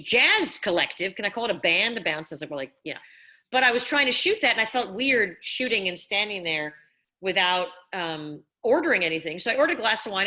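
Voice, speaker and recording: A woman's voice: mid-range voice, bright, forceful tone. A tipsy woman hosting a live stream, rambling and questioning herself with slightly slurred speech, recorded indoors on a laptop or phone mic. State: tipsy from wine. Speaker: host.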